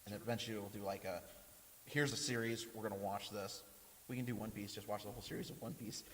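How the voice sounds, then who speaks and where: A man hosting a casual podcast, animated and joking, laughing often. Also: lowish voice, fast talker. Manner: lively, laughs often, jokey. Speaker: podcast host. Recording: hissy audio with long reverb.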